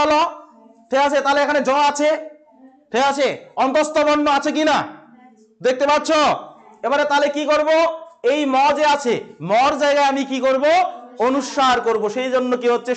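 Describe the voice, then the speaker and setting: A man with a West Bengal accent teaching a classroom grammar lesson, asking questions and answering them himself, stressing key words slowly and repeating them. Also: extremely high pitch, fairly bright tone.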